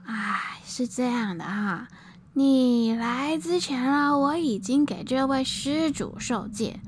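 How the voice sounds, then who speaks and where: A woman voicing a wise, wily old male monk, speaking slowly and calmly, and at times in a frantic rush. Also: sits high, slight background noise, exaggerated voice. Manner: slow, calm chanting, turning frantic.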